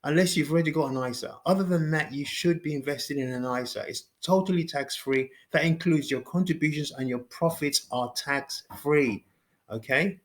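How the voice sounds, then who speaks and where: A man talks viewers through the basics in a casual lesson, his voice sitting a little high. He restarts phrases, repeats key words for emphasis and ends points with a quick "okay?". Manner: repeats himself, says "okay?" after points. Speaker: finance educator. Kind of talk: informal explainer video.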